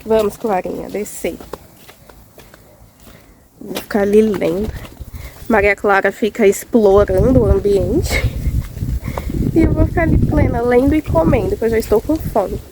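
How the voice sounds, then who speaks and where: Her mid-range, warm voice moves at a measured pace with long pauses as she chats casually for her vlog, gushing over little things on rural land. She is a Brazilian woman with a Brazilian Portuguese accent, congested from a cold. The rough recording comes from a handheld phone outdoors, with wind and outdoor noise in the background.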